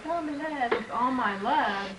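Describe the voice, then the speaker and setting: A woman's voice: high voice, a little slow, reverberant, recorded from a distance, a loud crowd, low-quality recording. A woman chatting casually over a card game, caught on an old VHS home video in a family room. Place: busy family room indoors. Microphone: distant camcorder microphone.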